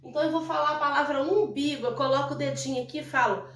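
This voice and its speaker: A Brazilian primary school teacher with a high, slightly bright voice gives a recorded lesson to young children. She speaks slowly and patiently in Brazilian Portuguese, repeating her explanations and often checking that her pupils are following. The room is echoey and the mic sits at a distance.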